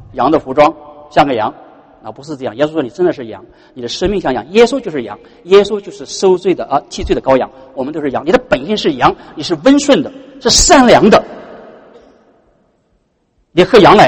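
Male pastor, sermon, husky tone, rhetorical questions, reverberant church hall. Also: a little high. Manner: animated, full of rhetorical questions to the congregation.

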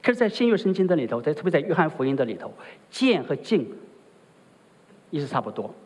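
Husky-voiced man preaching a lively sermon. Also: a little high, fast talker, long reverb tail. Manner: rhetorical, often asks the listeners "right?". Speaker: pastor.

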